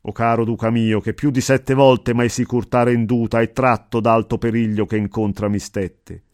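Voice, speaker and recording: A man's voice: medium pitch, little pitch movement, normal speed, a little mellow, dry recording, clean studio sound, natural voice. A man voicing an earnest, fearful male pilgrim poet, speaking in verse. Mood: pleading. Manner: pleading, earnest recitation of verse.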